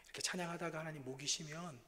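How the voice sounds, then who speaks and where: A man's voice: fairly high pitch, fairly even intonation, very fast, pushed and bright, slight background noise. A missionary man giving an earnest, confessional sermon testimony in a church. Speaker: missionary preacher. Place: church sanctuary. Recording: reverberant church hall, faint ambience.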